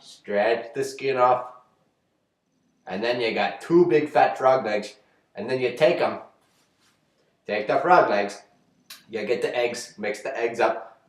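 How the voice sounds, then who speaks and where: A man giving a rambling, deadpan comedic how-to monologue, full of fillers and restarts. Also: medium pitch. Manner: rambling folksy delivery with many fillers and restarts. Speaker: comedic vlogger. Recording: echoey roomy sound.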